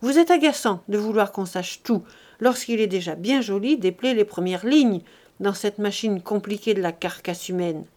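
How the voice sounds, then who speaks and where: A woman voicing an older male doctor, a former navy surgeon, gruff yet reassuring. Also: fairly high pitch, normal speed, natural voice.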